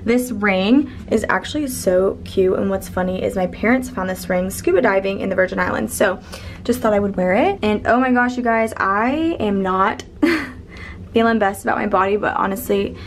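A woman's voice: medium pitch, expressive, normal speed, a little hiss or hum. Chatty young woman vlogging to camera. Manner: chatty, filler-heavy, talking to camera. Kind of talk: casual travel vlog. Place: cruise ship cabin and outdoors. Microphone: handheld camera at arm's length.

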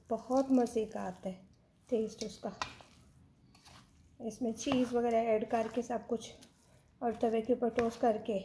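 Chatty higher-voiced woman cooking at home. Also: dark tone, slight background noise. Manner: chatty, addresses viewers directly, mixes in English words. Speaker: home cooking channel host. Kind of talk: step-by-step recipe demonstration.

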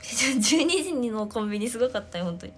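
A woman, chatting casually on a livestream, telling stories excitedly with sound words. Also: on the high side, fairly quick, slight background noise. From Ehime, Japan. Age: 20s. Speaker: idol livestreamer. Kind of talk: casual livestream chat answering comments.

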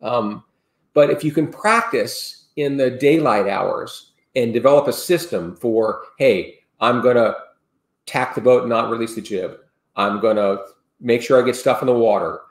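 A man in his sixties, appearing as a sailing expert guest on a video call from his home, explains safety steps casually and earnestly, rambling with many restarts. His voice is mid-range and a little slow. The indoor webcam audio is roomy.

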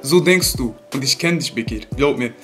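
A man's voice: medium pitch, lively intonation, normal speed, a bit bright, faint music behind. A man hosting a reaction video, lecturing heatedly in casual heavy talk. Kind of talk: casual ranting reaction commentary.

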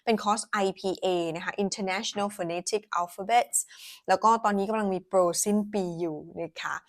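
Unhurried Thai woman, young adult, casual pronunciation teacher, switches languages, models words slowly. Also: medium pitch, fairly even intonation. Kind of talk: casual spoken lesson.

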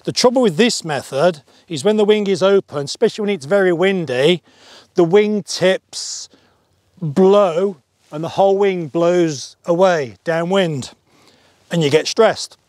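A middle-aged man giving a relaxed paragliding lesson step by step on an open hillside, wearing a clip-on mic. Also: sits high, measured pace, no echo. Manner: relaxed, chatty, explains step by step. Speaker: paragliding instructor. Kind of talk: outdoor tutorial. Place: open grassy hillside outdoors.

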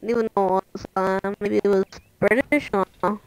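A woman giving casual, excitable, chatty commentary while playing a video game with friends. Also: mid-range voice, fast, smooth, no echo, low-quality recording. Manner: excitable, chatty, prone to shouting out. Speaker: gaming commentator.

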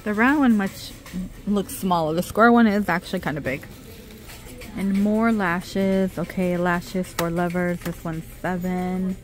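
A woman's voice: fairly low pitch, steady tone, measured pace. A middle-aged woman narrating a casual shop-with-me vlog in a department store, reading out product names and prices as she browses. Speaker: shopping vlogger. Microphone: handheld phone camera.

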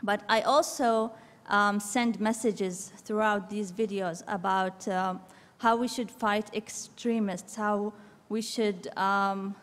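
Young woman from Iraq, measured and halting at a podium mic, long room reverb. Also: medium pitch, fairly even intonation. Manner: measured, with frequent ums and uhs. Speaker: public commenter. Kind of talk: prepared public statement. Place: large city council chamber. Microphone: fixed podium microphone.

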